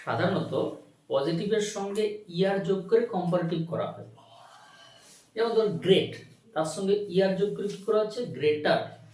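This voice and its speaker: A man teaching an English grammar lesson, asking questions, answering them himself and repeating words slowly. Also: high-pitched, lively intonation, a little mellow, distant mic. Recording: very echoey room, recorded from afar.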